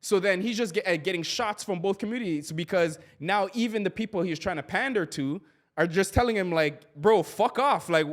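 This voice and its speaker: Male co-host, voice a bit high, slangy, rambling, hesitant conversational delivery. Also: fairly quick. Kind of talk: casual political chat.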